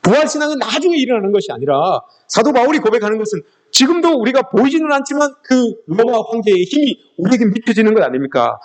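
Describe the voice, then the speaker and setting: A man's voice: very high-pitched, very animated, fast, few pauses. A man preaching a sermon as pastor, emphatic and often calling out to the congregation. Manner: emphatic, repeatedly addressing the congregation.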